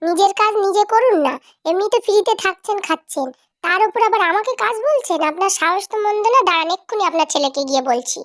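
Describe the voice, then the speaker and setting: A woman voicing a spoiled, scolding young daughter-in-law in a cartoon drama, with a shrill, nagging and haughty manner. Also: fast talker, dry recording. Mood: contemptuous. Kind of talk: cartoon voice acting.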